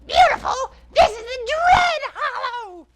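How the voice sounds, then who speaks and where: A man voicing a bratty little male imp sidekick in a comic skit, screechy and excitable, straining his voice. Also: extremely high pitch, takes it slowly, shouting, slight background noise, voice pushed up, full character voice. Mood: gleeful.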